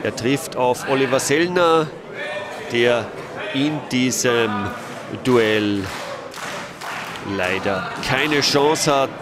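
A male sports commentator with a mid-range voice speaks extremely slowly and pauses often in this recorded match voice-over. His tone is matter-of-fact, rising at key moments, while a crowd cheers in a sports hall.

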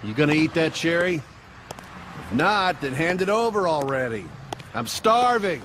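A man's voice: fairly high pitch, lively intonation, a little slow, background noise. A man voicing a vain, mocking shapeshifting villain in an English anime dub, theatrical and smug. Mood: mock friendly. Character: vain, taunting shapeshifting male villain posing as a friend. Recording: loud music behind, played through a stream. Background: dramatic music.

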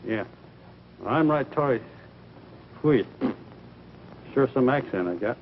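A bashful country fellow, speaking in a shy drawl with a lively, rising and falling voice. The sound is a dull 1940s film soundtrack. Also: male voice, mid-range voice, slow, slight background noise.

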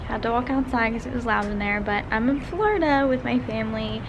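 A woman's voice: fairly high pitch, fairly quick, lo-fi sound, over loud music. Chatty young woman vlogging to camera. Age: young adult. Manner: chatty, upbeat, says "like" often. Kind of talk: casual vlog talk to camera. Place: outdoors and indoors on a beach trip, handheld camera. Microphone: camera held at arm's length.

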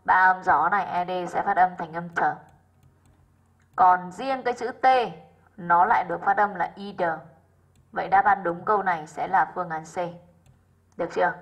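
A woman's voice: lowish voice, normal speed, pauses often, lo-fi sound. A woman English teacher going over exercise answers with her pupils, often checking in with rhetorical questions.

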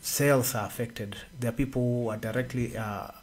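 A man, co-hosting a radio discussion and explaining at an unhurried pace with pauses and fillers, speaking into a studio microphone. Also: mid-range voice, steady tone. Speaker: radio co-host. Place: radio studio with red walls. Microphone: studio boom mic.

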